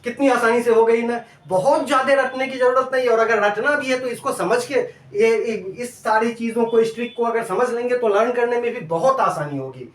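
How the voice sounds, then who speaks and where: High-voiced male teacher, echoey room. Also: normal speed, few pauses. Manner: coaxing, addresses students as dear children; repeats and checks understanding. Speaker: math teacher. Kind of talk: classroom-style lesson video. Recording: echoey room, distant from mic.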